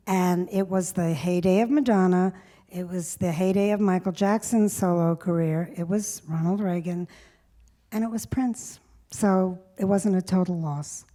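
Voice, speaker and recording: Woman in her 60s, onstage guest, relaxed reminiscing chatter, soft mellow timbre. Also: fairly low pitch. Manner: chatty, reminiscing, laughs often. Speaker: music journalist, guest. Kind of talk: onstage conversation. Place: stage before a live audience.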